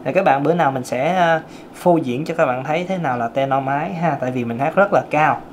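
Chatty and self-joking, a singing teacher from Vietnam walks through a lesson and sings scales to demonstrate, his thin, light tenor pitched fairly high. He talks fast. Slight noise sits in the background.

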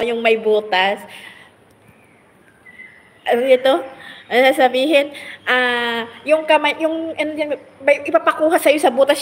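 A woman's voice: sits high, big-room sound. A woman chatting casually on a phone live stream, reading out viewer comments, laughing often and rambling with many fillers. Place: on the road, in a vehicle.

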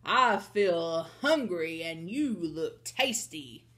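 A woman voicing a big, mean giant man who chants in a slow, loud, booming voice. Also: lively intonation, a little hiss or hum, full character voice. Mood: bellowing.

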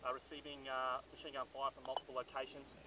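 Army guy rattling off grid refs fast, outside, noisy audio. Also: medium pitch, completely flat delivery. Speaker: soldier, radio operator. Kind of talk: military situation reports and grid references. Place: outdoors on an open hillside. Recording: distant, noisy outdoor field audio.

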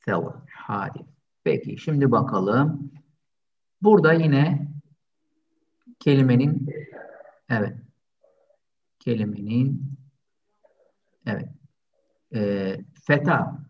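A man teaching an online language lesson, slowly drilling pronunciation and patiently repeating each word several times. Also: mid-range voice, animated. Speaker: Arabic teacher. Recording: distant, dull lo-fi sound.

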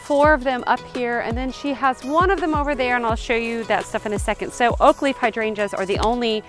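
A woman's voice: on the high side, a bit bright. Chatty woman touring a garden outdoors. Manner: chatty, upbeat, walks while explaining. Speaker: garden tour host. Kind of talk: casual garden tour narration. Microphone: handheld camera, selfie framing.

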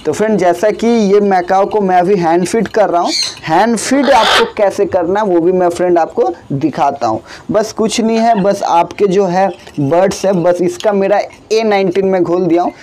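A young man in his twenties talks through a casual vlog in a small indoor room, his voice sitting fairly high. He chats on and on, calling his viewers friend again and again. A faint hum of room noise sits behind him. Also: moderate pace, few pauses. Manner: chatty, repeatedly addresses viewers as friend. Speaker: bird farm owner.

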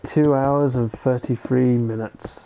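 A man's voice: mid-range voice, fairly even intonation, slow, noisy background. A man streaming a game with a friend, chatting casually and chuckling as he thinks aloud. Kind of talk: casual gaming chat. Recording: dull lo-fi stream audio.

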